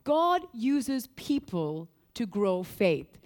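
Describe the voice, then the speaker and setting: A woman from Sri Lanka preaching a sermon, earnest and animated, repeating key phrases and telling a story. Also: mid-range voice, very slow.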